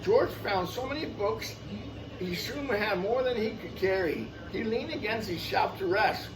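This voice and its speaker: In a noisy, distant recording, a man with a high-pitched voice reads a children's picture book a little slowly. He performs it expressively as a storyteller, slipping in casual remarks and repeating phrases for the little ones.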